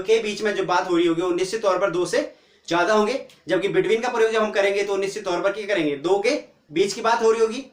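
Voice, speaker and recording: High-voiced man teaching grammar in an echoey room. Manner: asks rhetorical questions and answers them himself; mixes Hindi with English example phrases. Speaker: English teacher. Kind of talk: classroom grammar lesson.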